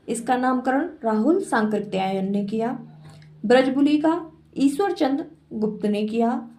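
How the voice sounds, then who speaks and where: Woman teacher, lecture, slow deliberate pace, slightly high voice, measured list-reading. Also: warm tone. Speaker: Hindi literature teacher. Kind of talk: lecture reading out lists of dialects.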